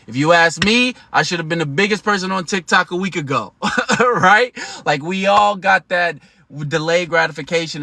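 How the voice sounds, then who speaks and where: Slangy, bright-voiced man in his thirties. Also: a little high. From United States. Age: 30s. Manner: slangy, emphatic, chatty with laughs. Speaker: livestream host. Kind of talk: casual livestream talk to viewers.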